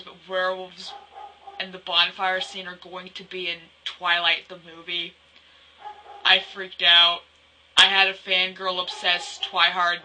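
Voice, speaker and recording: Teen girl vlogger, excitable rambling storyteller, very bright voice. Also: lowish voice, a little hiss or hum, low-quality recording. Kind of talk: casual vlog chat.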